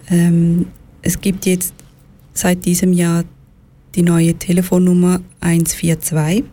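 Husky-voiced Swiss woman, calm. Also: on the low side. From Switzerland. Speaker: social worker and victim support counselor. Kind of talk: radio talk show guest.

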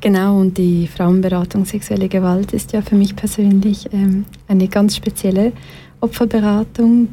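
A woman with a Swiss German accent hosts a radio talk show, introducing guests and asking questions in a friendly, measured way. Her voice is dark and very mellow, with faint hiss behind it. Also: mid-range voice. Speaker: radio host.

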